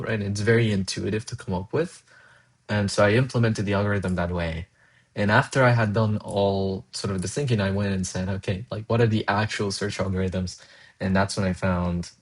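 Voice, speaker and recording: This livestreaming programmer is a young adult from Colombia whose first language is Spanish, and his voice sits on the low side with a husky quality. Coding and talking casually, he thinks out loud in a rambling way, full of fillers and false starts. Laughter comes often, and he reads chat messages aloud.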